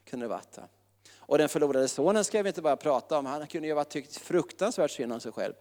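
A man preaching a lively, folksy sermon, often tagging his sentences with questions and acting out self-pity in a low murmur. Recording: long reverb of a hall.

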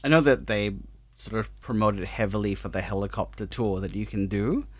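A man's voice: on the low side, a little fast, no room sound. A man with an Australian accent putting questions in a casual, conversational interview.

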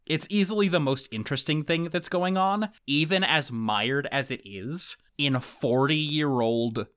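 A man's voice: a little high, measured pace, fairly bright tone, clean tone. A man hosting a casual podcast, talking enthusiastically and at length with laughing asides. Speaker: podcast host this week.

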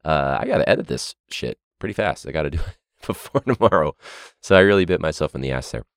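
A man's voice: very deep voice, expressive, fast, clean tone, dry recording, studio quality. A man hosting a teachers' podcast, ranting sarcastically and swearing, his voice sore. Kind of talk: casual monologue.

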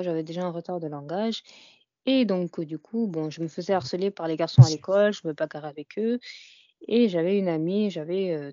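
Hesitant young woman, low and mellow. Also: dry recording, dull audio. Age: young adult. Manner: hesitant, many fillers and "tu vois" tags. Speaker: interview guest. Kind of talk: casual conversational interview.

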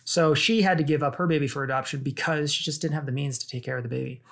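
A woman who was adopted from South Korea, telling a personal story as a guest in casual conversation, earnest and halting with many fillers. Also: low voice, vocal fry.

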